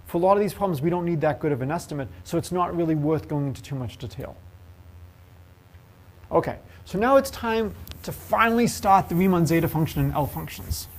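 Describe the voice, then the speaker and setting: Lecturing on math at a university, a man talks fairly quickly in a voice on the high side. He keeps the lecture hall lively by questioning his students and joking around with them.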